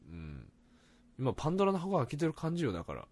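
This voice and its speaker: A man's voice: fairly high pitch, quick pace. A man co-hosting a podcast, talking loosely with lots of fillers and frequent laughter. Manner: lively, laughs often, loose filler-heavy talk. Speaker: podcast co-host. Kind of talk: casual chat.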